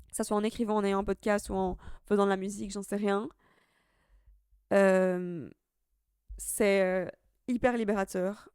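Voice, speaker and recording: A woman's voice: mid-range voice, a little mellow, smooth, no room sound, clean studio sound. A woman in her twenties, from Italy, hosting a solo podcast and musing in a chatty, reflective way with casual slang. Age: 20s. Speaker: podcast host.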